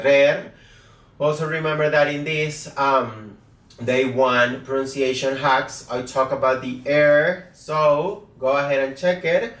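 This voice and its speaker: A man teaching a beginner Spanish lesson in a lively way, who keeps checking in with his viewers and repeats example words aloud. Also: mid-range voice. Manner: energetic, repeats "guys" and "okay?", drills words aloud. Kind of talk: online language lesson. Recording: roomy echo, mic at a distance.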